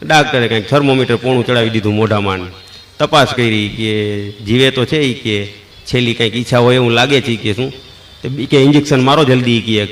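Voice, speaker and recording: A man's voice: mid-range voice, fairly bright tone. A man with a Kathiyawadi Gujarati accent doing stand-up comedy, telling folksy anecdotes and acting out the dialogue.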